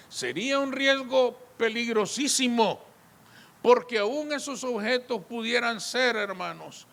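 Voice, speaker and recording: Male pastor, high and bright voice, emphatic sermon delivery. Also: in a large hall. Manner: emphatic preaching, repeated appeals to the congregation.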